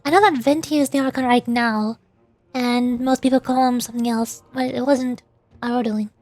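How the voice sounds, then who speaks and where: A high-pitched woman game streamer drifts between casual chat and reading lore aloud, sounding giggly, easily puzzled and self-deprecating while game music plays faintly behind her. Her intonation is fairly even, her pace moderate and her tone a little mellow, with no echo.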